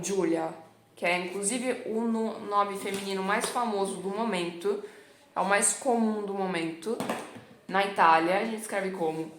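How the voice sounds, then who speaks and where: A woman's voice: medium pitch, reverberant. A Brazilian woman with a Brazilian Portuguese accent teaching an online language lesson, repeating each sound several times. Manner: explains sounds slowly, repeating them many times. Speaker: Italian teacher. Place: lives in Italy.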